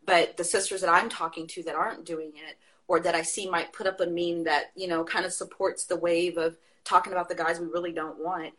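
A woman with a somewhat low voice talks with passion in casual conversation. She tells stories with energy and laughs as she goes. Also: brisk, hardly any pauses. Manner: passionate, animated storytelling with laughs. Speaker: guest.

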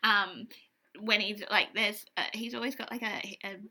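A woman's voice: medium pitch, fairly even intonation, moderate pace, pushed and bright. A woman co-hosting a podcast in casual chat, a chatty and rambling storyteller. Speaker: podcast co-host.

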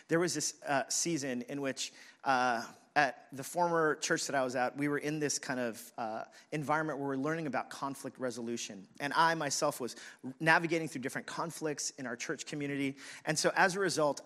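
A man preaching a sermon as pastor, conversational and animated, telling stories and speaking to the congregation. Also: a little high. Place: church in a city, siren heard outside.

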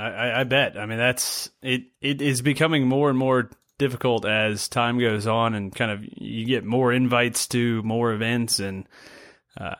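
A man hosting a craft podcast, talking in a relaxed, rambling way with plenty of fillers. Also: fairly low pitch. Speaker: podcast host. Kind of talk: casual podcast chat.

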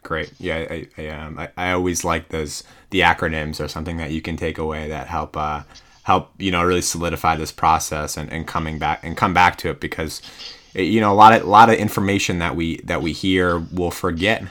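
A man's voice: deep voice, steady tone, a little fast, a bit bright. A man hosting an interview, asking long questions in a hesitant way with many fillers. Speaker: podcast host.

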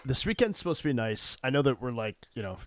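A man's voice: medium pitch, sing-song, fast. A man chatting casually and informally, sounding congested with a stuffy nose from allergies. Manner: informal, swears freely. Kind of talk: casual chat.

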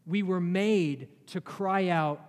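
A man's voice: sits high, slow. A male pastor preaching a sermon, earnest, with rhetorical questions and emphatic rises in his delivery. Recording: long hall reverb.

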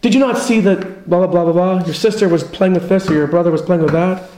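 A man's voice: sits high, steady tone, quick pace, mellow, echoey room, a little hiss or hum, pitched above the performer's own voice, lightly acted. A man acting out a domineering father who berates his child in a harsh, impatient voice. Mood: angry scolding.

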